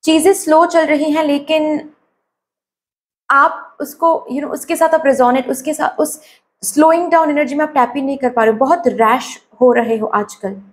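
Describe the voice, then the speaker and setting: A woman with a slightly hoarse, sore throat giving a tarot reading to her viewers, advising them and often checking "okay?" while mixing in English phrases. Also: high-pitched, normal speed. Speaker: tarot card reader.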